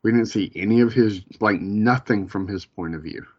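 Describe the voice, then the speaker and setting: A man's voice: fairly low pitch, normal speed, slightly rough, dry recording. A man in casual chat, rambling and searching for words, swearing and laughing, with the hiccups. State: has the hiccups. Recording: dull, lo-fi sound.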